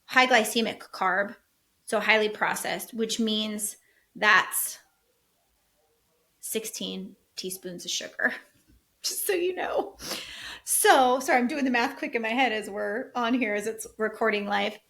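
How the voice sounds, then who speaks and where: Brief: middle-aged woman, podcast host and health coach, animated, chatty storyteller, slightly high voice. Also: a little slow. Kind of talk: casual solo podcast talk.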